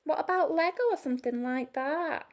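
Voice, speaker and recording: A woman, leading a gentle storytime lesson for young children, coaxing and asking them questions, sometimes dropping to a soft whisper. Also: high voice, moderate pace. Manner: sing-song, coaxing, asks children questions; drops to soft whispers at times.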